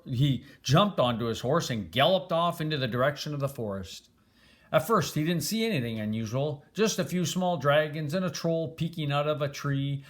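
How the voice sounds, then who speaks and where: An older man reads a children's storybook aloud like a grandfather, expressively stressing and stretching his words in a fairly high-pitched voice.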